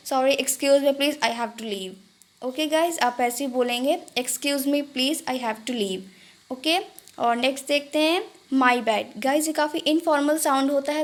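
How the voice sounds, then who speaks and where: A woman giving a casual spoken-English lesson, saying each English phrase slowly and repeating it, and often addressing viewers as "guys". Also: high-pitched. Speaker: English teacher.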